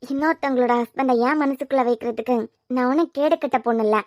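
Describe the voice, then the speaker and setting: A woman voicing a sharp-tongued, exasperated young wife in a cartoon, with a Kanyakumari Tamil accent and sarcastic comebacks. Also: high voice, quick pace, no room sound, clean studio sound, natural voice. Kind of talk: cartoon voice acting.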